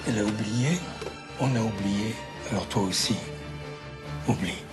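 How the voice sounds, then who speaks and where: An actor playing a grim man who warns someone to stop digging into the past, speaking low and insistently in a TV drama trailer with music behind. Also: unhurried, lightly acted. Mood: menacing.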